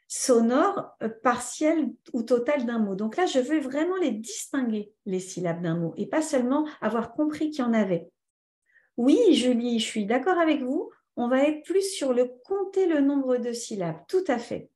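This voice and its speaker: A woman leads a live online lesson as a trainer, speaking in a lively way and answering viewers' comments by name. Her voice sits fairly high but sounds mellow. The recording carries an echoey room sound. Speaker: teacher trainer.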